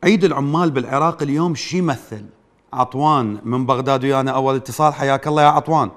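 A man hosting a radio call-in show, briskly introducing the topic and answering callers with short acknowledgements. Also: mid-range voice, in a large hall.

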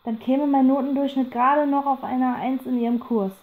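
A woman's voice: high-pitched, steady tone, a little fast, phone-quality sound, natural voice. Woman reading as a desperate schoolgirl. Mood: pleading. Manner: pleading, then bitter and hateful. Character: desperate furious teenage schoolgirl.

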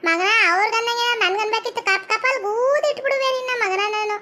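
In a comedy skit, a woman plays a bossy, sharp-tongued middle-aged village aunt with a North Karnataka Kannada accent. Her very high voice comes out fairly quickly as she scolds in a theatrical way.

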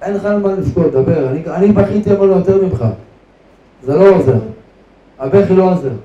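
A bitter, bedridden old headmaster speaks in a curt, raised voice, as a preacher acts him out in a sermon. The sound is dark and mellow. It is heard from a distance in an echoey room on a dull, lo-fi recording. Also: male voice, high voice, pitched above the performer's own voice, close to an everyday voice. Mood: curt, dismissive. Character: broken elderly male ex-headmaster, bitter and curt.

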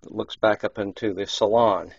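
Filming a boat tour through a yacht's small wood-paneled cabins, a man narrates casually, rambling with fillers and restarts. His fairly low voice is gravelly, slightly rough, and steady at a moderate pace, caught as dry, dull lo-fi camcorder audio on a handheld camera mic.

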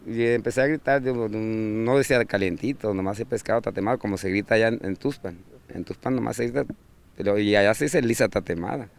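A man's voice: lowish voice, fast talker, vocal fry. A man, a street fish vendor, talking casually in an interview and rambling with many fillers and restarts. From Mexico.

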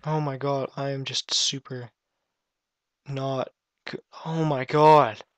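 A man's voice: mid-range voice, little pitch movement, takes it slowly, smooth, dry recording. A man chatting casually over a let's-play game, flustered at times and dry and offhand. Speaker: gameplay commentator.

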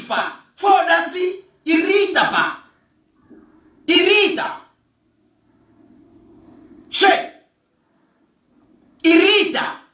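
A man's voice: very high-pitched, vocal fry, bright, forceful tone. A man in an emphatic, mocking monologue, firing off repeated rhetorical questions. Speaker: vlogger. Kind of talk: ranting monologue. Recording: echoey room, far from the mic.

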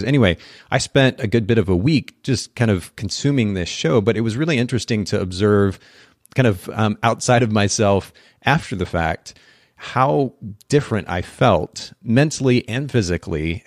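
Lowish-voiced guy hosting a podcast, thinks out loud, restarts a lot, dry close mic. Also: dry recording. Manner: thoughtful, repeats words as he restarts sentences. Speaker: podcast host. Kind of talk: conversational interview.

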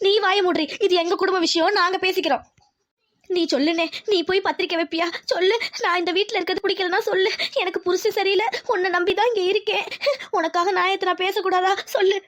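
A woman doing a whining, meddling middle-aged sister for a cartoon drama. Her voice is very high, and she pleads and accuses in turns. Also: fairly even intonation, fast talker, a bit bright. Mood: whining complaint. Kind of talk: Tamil cartoon drama dubbing.

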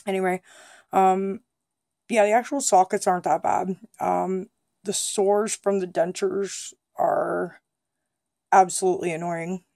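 A woman's voice: lowish voice, fairly even intonation, measured pace, vocal fry, darkish tone, no room sound, studio quality. A woman vlogger speaking with new dentures, talking casually with many fillers and slightly slurred speech. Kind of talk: casual recovery vlog update.

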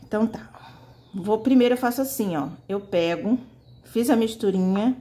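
Brush in hand, a woman runs a relaxed fabric painting tutorial, chatting easily and straight to her viewers. Her warm, mid-range voice moves at normal speed, picked up by a close microphone.

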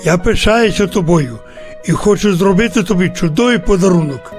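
Мудрого доброго дідуся. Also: male voice, high-pitched, animated, normal speed, soft background music. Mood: warm. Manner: warm, ceremonious. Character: kind, wise old grandfather.

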